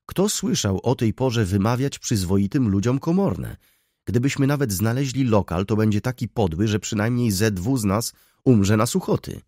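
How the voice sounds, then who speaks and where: A man's voice: deep voice, sing-song, moderate pace, warm tone, no echo, studio quality, exaggerated voice. A man voicing a cheeky young male student who speaks with suave, mock courtesy. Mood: mock-polite.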